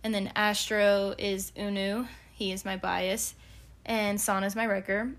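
Young woman co-host, mid-pitched, chatty and eager. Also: flat delivery, measured pace, a bit bright. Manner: chatty, listing favorites with fillers. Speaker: podcast co-host. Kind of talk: casual chat.

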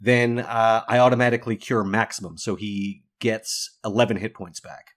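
A man's voice: fairly low pitch, steady tone, normal speed. A man playing a tabletop game, narrating his character's actions and checking the rules as he goes.

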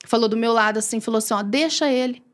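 A Brazilian woman telling a personal faith story as a podcast guest, animated and acting out quoted dialogue. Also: fairly high pitch, very fast. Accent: Brazilian Portuguese.

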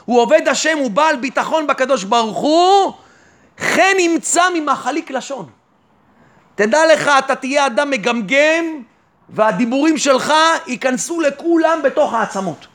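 A rabbi giving a fervent sermon, who keeps asking the listener rhetorical questions and answering them himself. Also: male voice, very high voice, fairly bright tone. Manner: fervent, exhorting the listener directly. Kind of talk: sermon on faith and trust.

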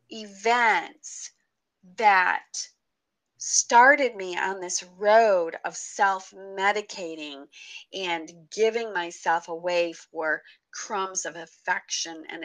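A woman's voice: on the low side, fairly bright tone, poor audio. A woman sharing her personal faith testimony as a radio guest, earnest and heartfelt.

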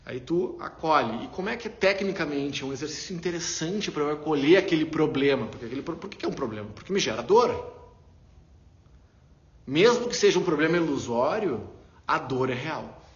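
A man explaining ideas in a casual, animated way, acting out little inner dialogues as he talks. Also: a little high, fairly quick. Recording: roomy, dull lo-fi sound.

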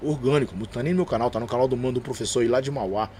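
A man with a São Paulo accent rattles off his stories at a quick clip, full of slang. He acts out each exchange as he tells it, in the easy style of a podcast guest. A faint room ambience sits under his voice. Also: medium pitch, a little hiss or hum. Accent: São Paulo Portuguese. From São Paulo, Brazil. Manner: animated slangy storyteller, acts out dialogue. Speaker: podcast guest, gospel rapper and preacher. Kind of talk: casual storytelling chat.

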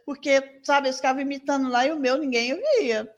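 A woman hosting a podcast, chatting casually and telling animated stories. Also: high voice, fast, muffled recording. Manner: chatty, animated storytelling with playful baby talk. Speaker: podcast host. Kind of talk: casual chat.

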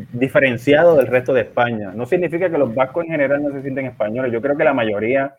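Speaking as a guest in a relaxed conversation, this man from Puerto Rico explains things in a measured, mid-range voice and chuckles often. His Puerto Rican Spanish accent is partly worn down by years in Spain, and the audio is a tinny remote line resembling a phone, with a bit of background noise.

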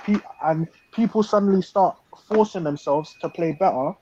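A man's voice: high voice, moderate pace, background noise. A man giving his view as a fan in a casual panel chat, on a dull lo-fi recording. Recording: dull, dry lo-fi sound.

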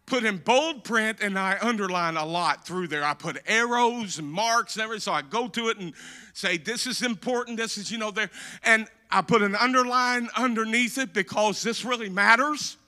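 High-voiced, bright preaching pastor. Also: male voice. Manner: preaching with shouted peaks and quiet asides; repeats phrases for emphasis. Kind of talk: sermon.

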